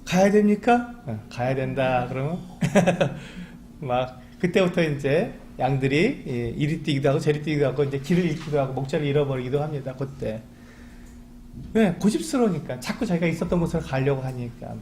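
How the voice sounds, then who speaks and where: A man's voice: on the high side, brisk, darkish tone, slight background noise. A man preaching a Sunday sermon as pastor, asking rhetorical questions and acting out little pleas in a chatty way. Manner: acts out quoted pleas to God. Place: church sanctuary.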